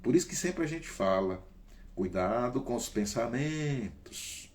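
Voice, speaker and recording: Man from Brazil, host, casual coaching talk, emphatic, shifts pace and loudness. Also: medium pitch, animated, unhurried. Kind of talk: casual talk on anxiety, addressing listeners by name.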